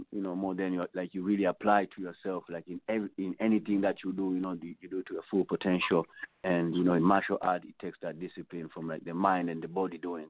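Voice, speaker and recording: A man's voice: deep voice, no echo. A man, a musician guest answering interview questions in a meandering, reflective way. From Tanzania. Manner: meandering, reflective, many filler phrases. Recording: tinny phone line, dry.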